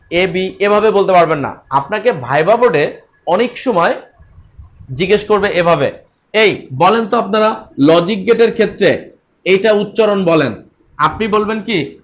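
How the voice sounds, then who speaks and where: This high-pitched male online teacher has a Bangladeshi Bengali accent. He repeats the main points and talks straight to his students.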